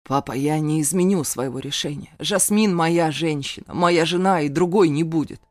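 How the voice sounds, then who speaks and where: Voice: mid-range voice, normal speed, no room sound, natural voice. An audiobook reader voicing a defiant young adult son who argues heatedly and pleads with his father. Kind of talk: audiobook character voice.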